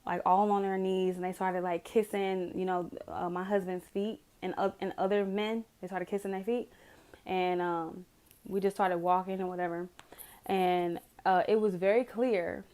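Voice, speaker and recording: A woman's voice: medium pitch, little pitch movement, moderate pace, a little mellow, smooth. A woman casually retelling a dream to camera, rambling with many "like"s and restarts. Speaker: video testimony speaker.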